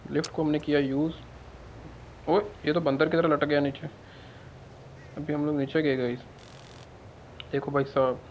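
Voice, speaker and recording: A man's voice: on the high side, a little hiss or hum. A young man giving casual, joking gameplay commentary and chatting to his viewers. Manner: joking, excitable, talks to viewers. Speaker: gaming channel host.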